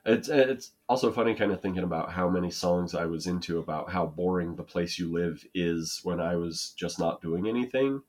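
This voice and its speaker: A man's voice: low voice, moderate pace, hardly any pauses, a little mellow. A man from the United States co-hosting a casual podcast chat, rambling and self-deprecating with frequent restarts. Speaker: podcast co-host.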